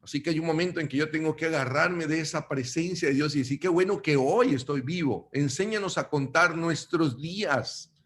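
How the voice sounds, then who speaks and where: A man from Mexico preaching a sermon, addressing his listeners as brothers and swinging between loud emphatic bursts and quiet low asides. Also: moderate pace, few pauses.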